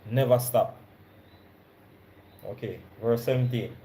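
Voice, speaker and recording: Jamaican male Bible teacher with a mid-range voice. He reads verses deliberately and talks them through casually. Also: mid-range voice, warm tone. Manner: reads scripture slowly, stressing key words; conversational, checks in with listeners. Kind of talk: Bible study sermon.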